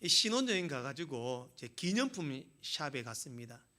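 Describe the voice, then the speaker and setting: A man's voice: mid-range voice, very animated, moderate pace, pushed and bright. A man preaching a sermon as a pastor, telling jokes and stories with emphatic exclamations.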